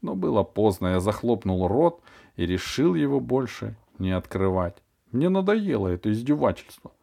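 A man's voice: on the low side, sing-song, moderate pace, creaky, warm tone. A man reading a first-person children's story aloud, expressively, as an audiobook narrator.

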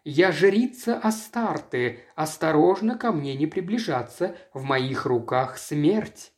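Reader doing a slow, eerie priestess voice. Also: female voice, sits low. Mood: solemn menace. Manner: slow, monotone pronouncements. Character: young woman posing as a cold, menacing priestess.

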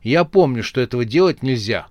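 A man voicing an excitable, lovestruck young male rugby player who speaks in eager exclamations, in a storybook reading. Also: mid-range voice, brisk, dry recording, lightly acted. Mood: wary.

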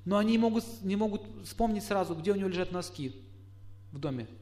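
A middle-aged man giving a lecture, putting questions to his listeners and acting out quoted spouses in lively asides. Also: high voice, fast. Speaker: astrologer lecturer. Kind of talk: lecture to a live audience.

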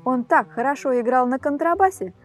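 A woman reading a fairy tale aloud in a lively, animated storytelling manner. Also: sits high, fairly quick, soft background music.

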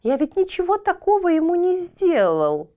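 A woman's voice: very high voice, huge pitch swings, normal speed, mellow, voice pushed up, full character voice. Woman doing a fake-whiny sly cat. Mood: whining. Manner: fake moaning. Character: sly, whining male cat.

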